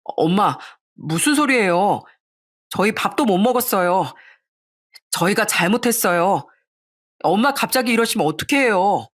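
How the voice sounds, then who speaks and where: A woman's voice: medium pitch, animated, measured pace. A woman reading a grown son who pleads with his mother in a whiny, entitled way, in her own voice. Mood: pleading.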